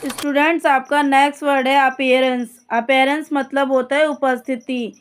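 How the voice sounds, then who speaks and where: High-voiced woman teaching word lists. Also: flat delivery, background noise. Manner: repeats each word and its meaning slowly, addresses students directly. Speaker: English teacher. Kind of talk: vocabulary lesson, reading word lists.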